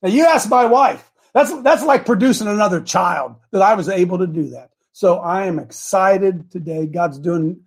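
An American man with a high, raspy voice hosts a religious talk show, chatting casually and telling rambling personal stories. He's folksy and animated, keeps a moderate pace with hardly any pauses, and repeats phrases for emphasis.

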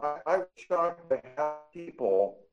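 A man calling into a live show over a breaking-up online connection, making his points in a halting list. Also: on the high side, lively intonation. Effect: breaking-up online call connection. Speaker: caller. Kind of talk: call-in comment on a live show. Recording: choppy lo-fi call line, faint music.

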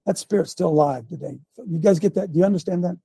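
Gravelly older man preaching with emphatic questions. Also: sits high, quick pace, dark tone, no room sound. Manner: emphatic, repeats lines, fires rhetorical questions; clears his throat often. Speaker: show host. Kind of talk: preachy commentary.

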